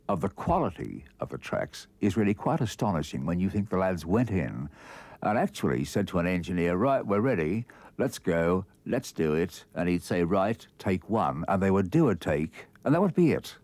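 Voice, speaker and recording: A male radio broadcaster recalling the past, telling it with animated enthusiasm. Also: deep voice, normal speed, dry recording. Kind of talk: interview recollection.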